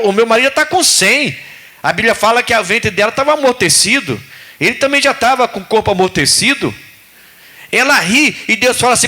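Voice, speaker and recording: A male pastor, preaching a sermon in a lively way and acting out biblical voices. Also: high voice.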